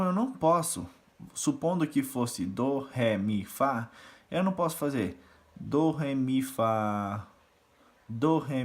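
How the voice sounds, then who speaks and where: A man teaching rhythm reading and solfège, patiently explaining and counting syllables aloud as he conducts the beat. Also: medium pitch. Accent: Brazilian Portuguese. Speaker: music teacher.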